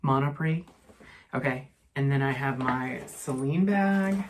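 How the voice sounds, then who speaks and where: A woman's voice: very deep voice, measured pace, noisy background. A woman travel vlogger chatting casually to a handheld camera, rambling with lots of fillers, while walking through city streets and in a hotel room. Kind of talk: casual vlog chat to camera.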